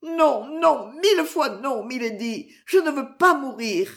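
A woman's voice: big pitch swings, measured pace. A woman reader voicing a young lady's maid who sobs in fright and turns pert and teasing, in a storybook reading. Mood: sobbing terror. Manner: high sobbing cries, pert.

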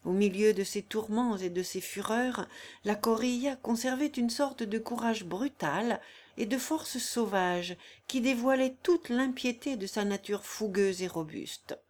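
A woman narrating a classic novel aloud in a measured, expressive storytelling manner. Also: fairly high pitch.

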